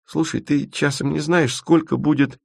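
A man's voice: on the high side, steady tone, moderate pace, gravelly, a little mellow, slightly rough, no echo, clean studio sound, voice pushed up. Man doing a gloomy sighing student. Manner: sighing, bitter, philosophical. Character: gloomy young male student, self-pitying.

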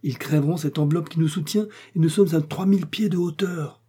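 A man's voice: fairly high pitch, fairly quick, dark tone, husky, voice pushed up. A man voicing a bold male explorer doctor who barks urgent commands in danger. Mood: grave.

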